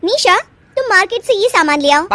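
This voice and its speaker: A woman voicing a spoiled, quarrelsome young wife who complains loudly and tearfully in a storybook tale. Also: lively intonation, brisk, no room sound, heavily acted. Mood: taunting. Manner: shrill, loud, tearful complaining. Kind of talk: storybook voice acting.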